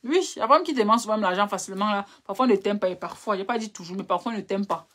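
A woman's voice: medium pitch, quick pace, fairly bright tone. A young woman hosting a live relationship advice stream, answering viewer questions in a direct, scolding way. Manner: direct, scolding, addresses viewers as brother and darling.

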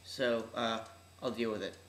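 A man's voice: lowish voice, steady tone, measured pace, fairly bright tone. Teenage guy in an echoey, noisy room. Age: teens. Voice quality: slightly odd articulation from braces and palate expander. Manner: offhand, slangy. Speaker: hobbyist video host. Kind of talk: casual unscripted vlog demonstration. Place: large room at home, indoors. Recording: echoey room, noisy webcam-style audio.

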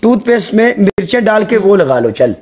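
A man's voice: high-pitched, big pitch swings, moderate pace, a little mellow, slight background noise. A man, a streamer arguing casually over game dares, bossy and insistent, repeating his demands.

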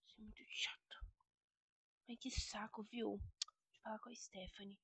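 A woman's voice: high-pitched, normal speed, sharp tone, no room sound. Woman playing a sulky Brazilian teen girl. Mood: scheming. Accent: Brazilian Portuguese. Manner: whiny, dramatic, pleading. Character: sulky rebellious teenage girl. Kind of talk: game role-play voice acting.

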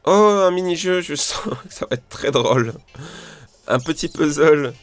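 A man giving gameplay commentary, excitable, loudly exclaiming and complaining as he plays. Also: on the high side, unhurried, faint music behind. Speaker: gaming YouTuber.

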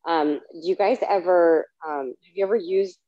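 A woman's voice: on the low side, normal speed, no echo. A woman attending an online class, hesitantly asking a question over a video call. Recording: dull dry video call line.

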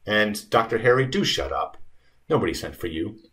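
A man voicing a bitter, sharp-tongued dying old woman, delivering her lines in a raised, tart voice. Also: lowish voice, sing-song, moderate pace. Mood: commanding.

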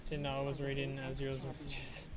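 A game streamer chatting casually to viewers and a friend while playing, excitable and boastful, swearing freely. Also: mid-range voice, fairly quick, a crowd in the background. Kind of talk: casual live-stream chat while gaming.

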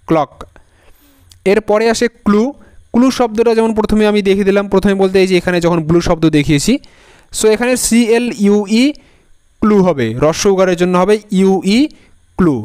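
A male teacher gives a patient spelling lesson, spelling words out letter by letter and saying each one several times over. His voice sits high and sounds smooth and resonant. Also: darkish tone. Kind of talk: Bengali-language spelling lesson.

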